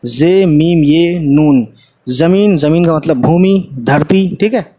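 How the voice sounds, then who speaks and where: A man's voice: on the high side, takes it slowly, mellow. A man teaching Urdu in a casual online lesson, spelling out each word letter by letter and often talking to viewers as guys, with English fillers mixed in.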